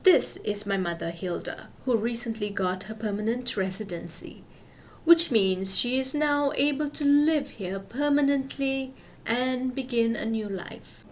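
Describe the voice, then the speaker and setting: A woman from Malaysia, giving scripted voice-over narration in a measured, explanatory way. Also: on the high side, slight background noise, poor audio. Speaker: video narrator.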